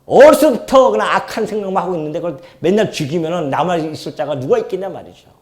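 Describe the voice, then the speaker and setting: Animated Korean pastor with a lively pitch. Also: male voice, fast talker. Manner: animated, swings between loud emphasis and soft asides; asks the congregation questions and acts out quoted speech. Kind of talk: expository sermon. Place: church.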